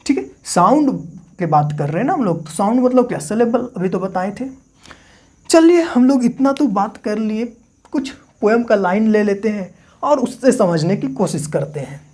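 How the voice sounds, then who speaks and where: Male literature teacher, lecture delivery; poses questions and answers them himself, repeats key terms slowly for dictation. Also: high-pitched, expressive, a little mellow. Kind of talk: classroom-style lecture.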